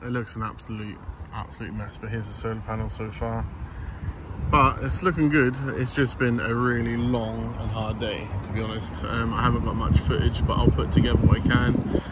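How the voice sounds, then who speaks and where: Over a noisy background, a man talks at normal speed in a flat, mid-range voice, filming himself on a phone held close inside a van he's converting. Worn out and hot from a long day, he keeps things casual and cheerful, calling his viewers "guys."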